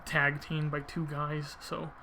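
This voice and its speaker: A man's voice: on the high side, completely flat delivery, takes it slowly, gravelly, sharp tone, a little hiss or hum. A man giving casual video game commentary, thinking aloud informally as he explains his technique.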